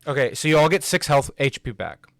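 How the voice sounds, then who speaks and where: A man's voice: a little high, lively intonation, a little fast, creaky, no echo, faint music behind. A man playing in a tabletop game, thinking aloud and checking the rules as he goes. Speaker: player.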